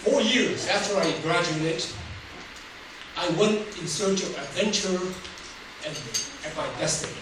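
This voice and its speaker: An older Taiwanese man, whose first language is Taiwanese, tells his life story in a humorous public speech, laughing at his own jokes. His voice is high-pitched and measured, with frequent pauses. The recording is noisy, captured from far off in a roomy hall.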